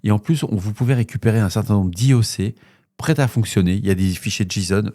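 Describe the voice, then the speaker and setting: A man's voice: on the low side, fairly quick, mellow, slight background noise. A man hosting a cybersecurity news podcast, reading bulletins and then slipping into casual off-script asides with fillers.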